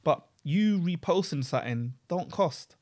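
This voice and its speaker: A man's voice: on the high side, expressive, a little slow, a little mellow. A young man with a London roadman accent, debating and questioning in slang during a casual podcast discussion. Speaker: podcast participant.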